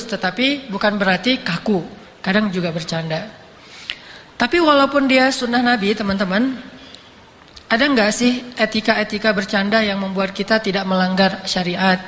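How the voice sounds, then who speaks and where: An animated male preacher tells stories full of jokes and acted-out voices. His voice sits high. The recording carries a long hall reverb and a faint hiss underneath. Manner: animated, jokey, acts out voices. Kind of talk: lively sermon storytelling.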